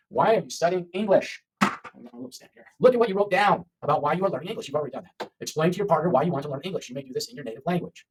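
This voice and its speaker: A man's voice: a little high, slightly rough, recorded from a distance, rough recording. A man teaching an online English lesson, talking to learners with lots of repetition and frequent "okay?" checks.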